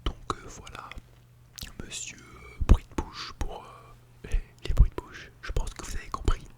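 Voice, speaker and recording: Whispering man in a teacher role-play. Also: a little slow. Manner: soft unvoiced whisper with fillers; gently instructing an imagined class. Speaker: ASMR channel host playing a teacher.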